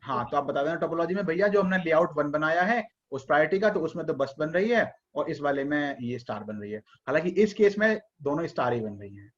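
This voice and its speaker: A man teaching an online class, his voice pitched high for a man. He calls on students one by one and coaxes them toward the answer, step by step. The sound is dull and lo-fi. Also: lively intonation, fairly quick, hardly any pauses. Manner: questions students by name, patient and coaxing.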